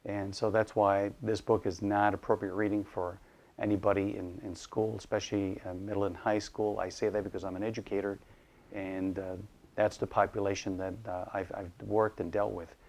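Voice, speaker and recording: A middle-aged man from Iraq, an author and educator, talks in a somewhat low voice. He speaks slowly and thoughtfully, stopping often with ums and restarts as he explains things in an interview. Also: level tone, darkish tone. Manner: thoughtful, hesitant with many fillers and restarts. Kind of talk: casual interview monologue.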